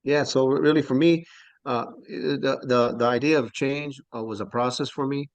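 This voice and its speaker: A middle-aged man answering as a podcast guest on parole, speaking haltingly with many "uh" fillers and restarts. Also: medium pitch, no echo. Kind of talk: answering in an interview.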